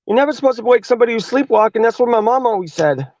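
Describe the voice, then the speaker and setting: A man's voice: extremely high pitch, expressive, rapid-fire, darkish tone, dry recording, highs cut off, voice pushed up. A man voicing a scared fifth-grade boy who anxiously pleads with a friend to follow the rules. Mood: pleading.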